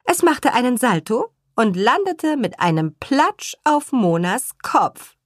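A woman narrating a children's story with an expressive, measured reading style and a husky voice. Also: on the high side, dry recording, clean studio sound. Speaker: audiobook narrator.

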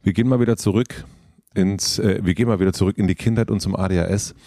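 A man's voice: deep voice, quick pace, mellow, no room sound. A man in a casual podcast chat who talks thoughtfully and puts questions to his partner. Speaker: podcast co-host.

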